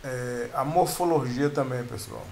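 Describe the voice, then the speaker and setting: A man's voice: medium pitch, unhurried, vocal fry, a little mellow, slight background noise. A man giving a video lesson on grammar, explaining patiently, restarting words and often addressing viewers as "pessoal". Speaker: teacher.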